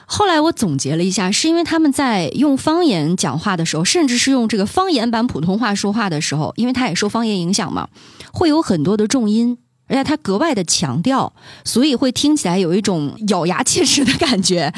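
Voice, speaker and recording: Lively husky woman co-hosting a podcast. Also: medium pitch, brisk, dry recording, studio quality. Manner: chatty, explains with small anecdotes. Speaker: podcast co-host. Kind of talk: casual science chat.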